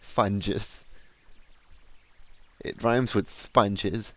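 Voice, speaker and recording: A man's voice: on the low side, unhurried, dry recording. A man co-hosting a casual webcast chat over a video call, playful and giggly, fond of puns. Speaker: co-host.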